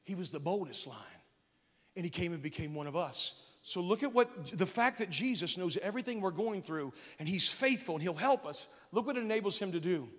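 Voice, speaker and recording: A man preaching a sermon to kids at camp, asking the crowd questions and building to loud, emphatic peaks. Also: high-pitched, animated, a little fast, in a large hall. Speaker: pastor.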